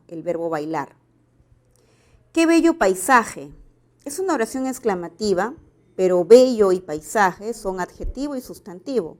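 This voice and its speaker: Mujer profesora explicando gramática. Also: female voice, medium pitch, mellow. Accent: Peruvian Spanish. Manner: explanatory, checks in with "¿verdad?". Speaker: teacher. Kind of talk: exam prep grammar lesson.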